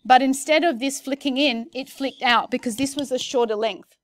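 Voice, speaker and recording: Woman teaching a class, slightly high voice, chatty and self-correcting, recorded dry. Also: normal speed, no room sound. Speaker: maths teacher. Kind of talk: classroom lesson.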